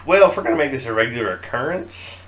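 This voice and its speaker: A man co-hosting a casual podcast, relaxed and teasing, with casual swearing. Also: medium pitch, fast. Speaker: podcast co-host. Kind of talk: casual chat.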